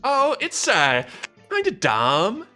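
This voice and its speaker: Guy putting on a high lilting camp cafe owner, rambles on and on, bright voice. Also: wildly swooping pitch, slow, faint music behind, heavily acted. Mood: rambling.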